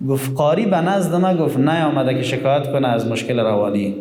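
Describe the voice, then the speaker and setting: A man teaching Quran recitation, explaining rules and chanting verses slowly. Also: medium pitch, darkish tone. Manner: explains slowly, then chants verses in long drawn-out tones. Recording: echoey room with long reverb.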